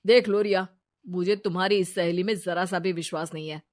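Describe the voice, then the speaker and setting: A woman's voice: fairly low pitch, fairly even intonation, brisk, lightly acted. Woman voicing a blunt, wary husband. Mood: stern. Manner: blunt, accusing.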